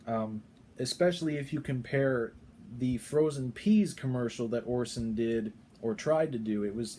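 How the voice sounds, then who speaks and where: A man's voice: mid-range voice, dark tone, a little hiss or hum. A man casually explaining to camera with frequent fillers and restarts. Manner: chatty, hesitant, frequent um and restarts. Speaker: video creator.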